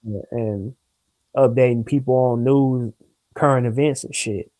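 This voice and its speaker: A man's voice: mid-range voice, steady tone, a little slow, dark tone, no echo, low-quality recording. A young man in a casual talk, earnest and preachy, rambling a little and using plenty of slang. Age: young adult. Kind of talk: casual discussion.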